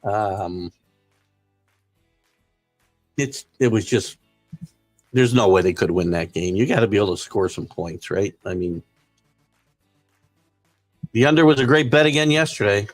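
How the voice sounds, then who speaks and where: A male host of a live sports talk show, giving opinionated commentary that keeps building into excited rants. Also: lowish voice, measured pace, pauses often, no echo, faint music behind.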